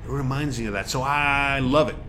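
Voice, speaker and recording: A man's voice: medium pitch, fairly quick, pushed and bright, a little hiss or hum. A man in his forties from Miami, talking in a casual vlog monologue, rambling and emphatic with lots of fillers. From Miami, USA. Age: 40s. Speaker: vlogger.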